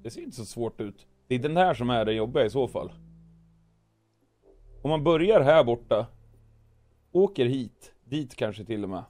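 A man hoarse from weeks of coughing, giving playful gameplay commentary as a gaming video host and narrating his moves with comic sound words. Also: mid-range voice, expressive, long pauses, a little mellow.

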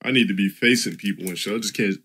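Low-voiced, forceful male game streamer. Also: fast, breathy edge, no echo. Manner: blunt, dismissive, slangy. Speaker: video game livestreamer. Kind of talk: casual livestream chat with heavy profanity.

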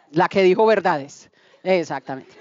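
A woman's voice: on the low side, animated, takes it slowly, creaky, lo-fi sound. A woman with a Colombian accent giving a spoken testimony to a church group, telling her story with relish and acting out the dialogue. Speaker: testimony speaker.

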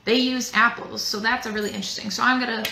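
A young adult woman talks fast in a high-ish, creaky voice with fairly even intonation while hosting a casual live cooking demo for a museum show. Broadcasting from her home kitchen, she rambles chattily with lots of fillers. The room is echoey, with background noise.

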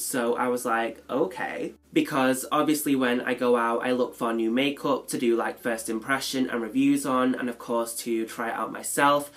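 A man talks through a beauty vlog with a stuffy, nasal voice from a cold. His pitch sits in a middle range for a man, and he chats in a loose, rambling way, often poking fun at himself. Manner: chatty, rambling, self-deprecating. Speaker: beauty vlogger. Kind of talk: casual chat.

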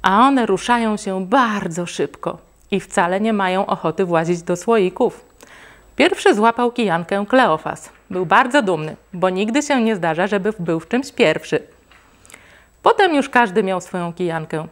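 Female reader for a kids' story, expressive, mid-pitched. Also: measured pace. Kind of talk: reading a children's book aloud.

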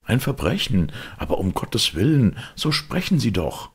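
A man's voice: a bass voice, big pitch swings, measured pace, husky, pitched above the performer's own voice, full character voice. A man playing a solemn, urgent lawyer. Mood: urgent, concerned. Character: solemn middle-aged male lawyer.

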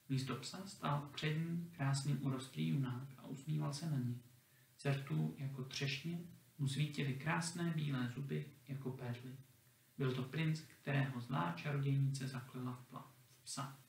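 A man reading a fairy tale aloud in a calm, measured storytelling manner. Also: fairly high pitch, vocal fry. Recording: roomy echo, distant mic.

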